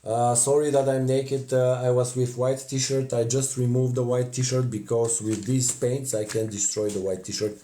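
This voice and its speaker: A man in his thirties with a Bulgarian accent, chatting on a live stream from a cluttered home craft table. His voice is mellow and dark. He talks into a phone held close, thanks viewers warmly, and often pauses with "uh" while he paints. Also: medium pitch, level tone. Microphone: phone camera close in front.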